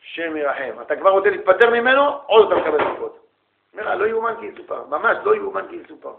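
A man lecturing as a rabbi, animated, calling listeners brother and asking rhetorical questions. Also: sits high, vocal fry, background noise. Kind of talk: lively religious lecture. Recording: echoey room, tinny phone-like sound.

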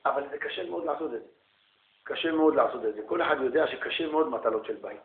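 A man lecturing as a rabbi, animated, calling listeners brother and asking rhetorical questions. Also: mid-range voice, gravelly. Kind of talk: lively religious lecture. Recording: echoey room, tinny phone-like sound.

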